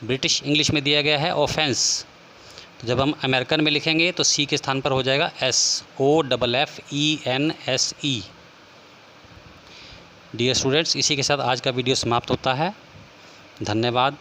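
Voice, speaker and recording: Bright-voiced male teacher spelling out words. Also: mid-range voice, steady tone, a little hiss or hum. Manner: slow, spelling words letter by letter. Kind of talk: explaining an English lesson.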